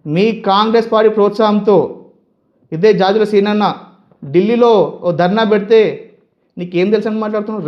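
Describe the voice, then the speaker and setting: A man's voice: sits high, muffled recording. A man with a Telangana Telugu accent, a youth leader of a community association, delivers an angry political statement. He scolds with a string of heated rhetorical questions.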